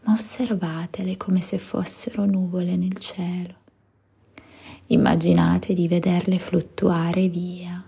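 A woman leading a scripted guided meditation in a soft, soothing spa-like whisper. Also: on the low side, gravelly, husky.

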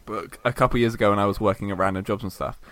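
A man's voice: on the low side, fairly even intonation, racing, fairly bright tone. A young man co-hosting a casual podcast, chatty and self-mocking, laughing as he talks. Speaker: podcast co-host. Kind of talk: casual chat.

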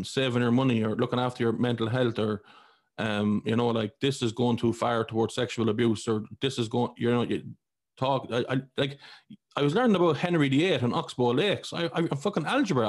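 An Irish man in his forties hosting a podcast, talking bluntly and heatedly and swearing freely. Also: mid-range voice. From Ireland. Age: 40s. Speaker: podcast host. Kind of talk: casual conversation.

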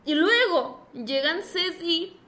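Mexican woman co-host, high bright voice, animated storyteller. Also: slow pace. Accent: Mexican Spanish. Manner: animated, acts out quotes with laughter. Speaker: podcast co-host. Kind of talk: casual chat, storytelling.

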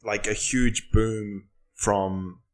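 Low-voiced man chatting and swearing casually. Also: little pitch movement, very slow. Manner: loose, swears often, trails off mid-sentence. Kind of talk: casual chat.

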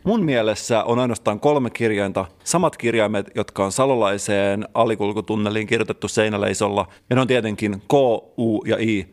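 A male podcast co-host with a somewhat low voice. He talks casually but puts on a mock-serious, lecturing tone. It is comedic chat between friends. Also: few pauses. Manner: mock-serious teacherly riffing.

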